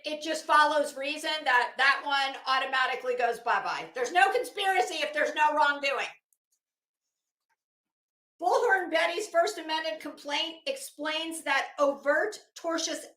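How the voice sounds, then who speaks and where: An online commentator with a high, sharp-toned voice reads a legal motion aloud as a dramatic performance. She riffs with mocking asides, sarcastic, taunting and emphatic, blunt and quick to swear. The room has an echo.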